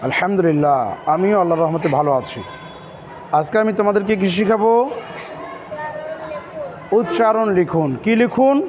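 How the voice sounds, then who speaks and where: A man's voice: sits high, moderate pace, long pauses, a crowd in the background. A man teaching children a pronunciation lesson, spelling letters and repeating each word, and asking questions before answering them himself. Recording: dull lo-fi with loud noise.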